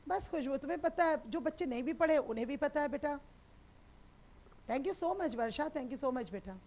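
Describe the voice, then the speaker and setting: A woman teaching sociology, chatting with students in a live online class and reassuring them warmly. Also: high-pitched, lively intonation, moderate pace. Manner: affectionate, reassuring, calls students beta.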